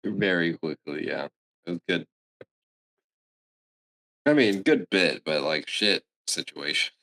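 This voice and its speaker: A man's voice: sits low, takes it slowly, creaky, pushed and bright. A man co-hosting a podcast in casual chat, wry and laid-back, swearing now and then. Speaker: podcast co-host.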